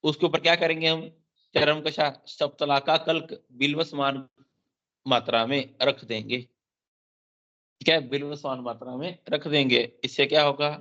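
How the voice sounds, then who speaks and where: Speaking at a measured pace with fairly even intonation, this man's voice is on the high side, pushed and bright, and the recording sounds dull and lo-fi. Preparing students for exams in Ayurveda, he goes through Sanskrit verses line by line, repeating key terms, slipping in English words, and often asking "theek hai."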